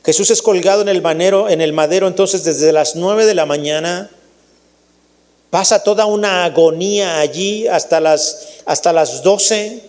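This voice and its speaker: A man's voice: sits high, moderate pace, darkish tone, big-room sound. A man with a Mexican Spanish accent preaching a sermon, speaking directly to his congregation as family and often restarting his sentences. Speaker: pastor.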